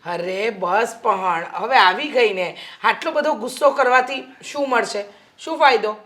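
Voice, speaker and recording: A middle-aged mother keeping the peace at home, gently placating her anxious husband. Her voice is of ordinary pitch and her manner soothing. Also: unhurried. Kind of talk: Gujarati film acting.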